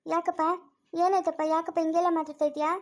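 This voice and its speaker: Woman in a village family drama, pleading and worried, super high flat voice. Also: fast talker. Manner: anxious, pleading.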